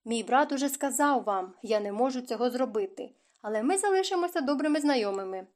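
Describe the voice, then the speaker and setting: Woman voicing a calm, firm young lady. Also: sits high, fairly quick. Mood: patient firm. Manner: patient, calm, cool.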